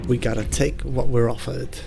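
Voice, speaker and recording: A man hosting a gaming channel, calmly thinking aloud through his tactics as let's-play commentary. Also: mid-range voice, moderate pace, creaky. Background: game music.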